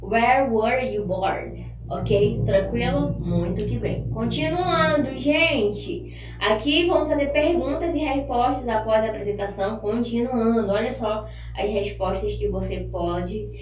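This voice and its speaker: A woman teaching an online English lesson, chatting casually and drilling phrases slowly for students to repeat. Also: a little high, far from the mic. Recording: echoey room, voice from off-mic, faint hum.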